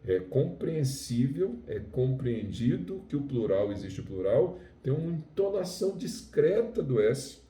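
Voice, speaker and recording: Brazilian man, Spanish lesson, patient explaining, lively pitch, echoey room. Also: distant mic. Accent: Brazilian Portuguese. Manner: explains slowly, repeating checks like "ok?". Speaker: Spanish teacher.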